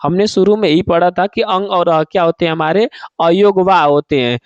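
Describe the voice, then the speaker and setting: High-voiced man teaching Hindi grammar. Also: moderate pace, no room sound, muffled recording. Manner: asks students questions and answers them himself; calls students "babu", repeats key points. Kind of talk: online exam-prep class.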